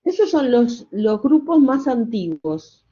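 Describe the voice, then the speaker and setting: An older woman lecturing a class at an unhurried pace, pausing to correct herself and checking in with "¿no?". Her voice is mellow and dark. The recording is dull and lo-fi. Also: on the high side, sing-song. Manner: explains step by step with rhetorical questions and wry asides; self-correcting, checks understanding with "¿sí?" and "¿no?". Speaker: university lecturer.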